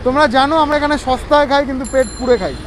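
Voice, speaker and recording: A man's voice: extremely high pitch, fairly even intonation, very fast, some chatter behind. A man, talking through a face mask, hosts a casual food vlog at a roadside tea stall and chats eagerly, mixing in English. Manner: chatty and enthusiastic, mixing English into Bengali. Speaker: food vlogger host. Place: roadside tea stall by a busy road, outdoors. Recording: faint outdoor traffic noise. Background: traffic noise.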